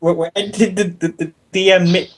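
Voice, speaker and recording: A man's voice: high voice, level tone, normal speed, poor audio. Dry-joking male tabletop player. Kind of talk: casual tabletop play.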